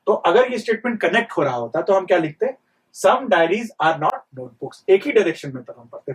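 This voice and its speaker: A man's voice: high voice, far from the mic. A young man teaching an exam-prep reasoning lesson, repeating points and quizzing students with rhetorical questions. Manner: mixes English terms into Hindi speech.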